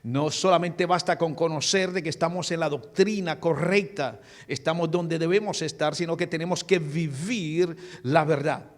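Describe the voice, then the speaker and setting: Earnest preaching pastor in a reverberant church. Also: male voice, on the high side, normal speed. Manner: earnest preaching, addresses listeners as beloved, many restarts. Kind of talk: sermon.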